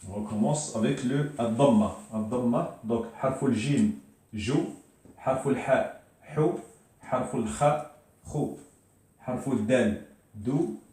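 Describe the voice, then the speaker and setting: A man teaching a beginner's language lesson at a board, patiently repeating syllables and pausing often with hesitations. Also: mid-range voice, mellow. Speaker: Arabic teacher. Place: room with a board. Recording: echoey room, voice from a distance.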